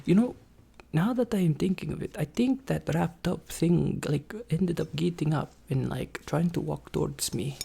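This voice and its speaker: A woman voicing an eccentric, boastful, excitable vampire in a theatrical, rambling ASMR ASMR role-play, slipping in and out of a breathy soft voice. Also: deep voice, a little hiss or hum. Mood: defensive, chatty. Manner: theatrical, chatty, rambling, drawn-out exclamations. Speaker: ASMR performer.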